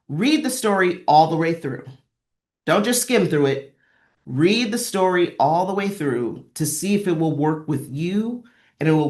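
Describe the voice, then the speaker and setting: In a lowish, slightly mellow voice, a woman leads a training session for librarians. She gives an instructional webinar talk with examples, speaking encouragingly and repeating phrases to emphasize them.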